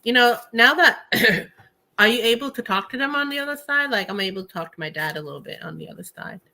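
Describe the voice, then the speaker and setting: Bright-voiced woman chatting casually as host. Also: on the high side, animated, quick pace. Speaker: host of a tarot and spirit talk show. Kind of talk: casual chat.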